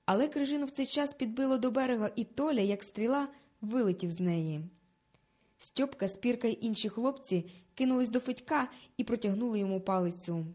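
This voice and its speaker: Woman reading a story, higher voice. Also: a little fast. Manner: lively, dramatic reading. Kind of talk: expressive storybook narration.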